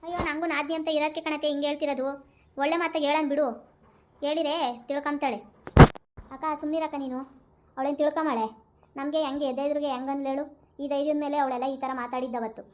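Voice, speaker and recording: A woman's voice: high voice, level tone, fast talker, pauses often, noisy background, natural voice. A woman playing a scheming young daughter-in-law. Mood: coaxing. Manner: gossipy, confiding.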